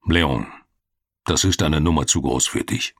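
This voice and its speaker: A man's voice: extremely low pitch, measured pace, a bit bright, no room sound, clean studio sound, full character voice. A man reading the part of a serious, authoritative male police official who speaks in a stern, commanding way.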